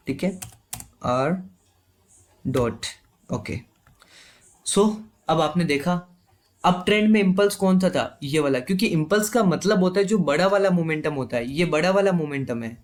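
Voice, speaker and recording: हिंदी में समझाता ऊँची आवाज़ वाला आदमी. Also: male voice, fairly high pitch, a little mellow. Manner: explains step by step, keeps asking "ठीक है?". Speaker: trading teacher. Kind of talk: live online class.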